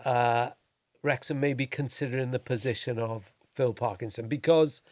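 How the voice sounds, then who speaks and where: A man hosting a football podcast, measured and pausing with filler sounds as he weighs his view. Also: medium pitch, steady tone, darkish tone, no echo. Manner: measured, thinks aloud with many "uh"s. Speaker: podcast host, commentator. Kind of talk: casual football chat.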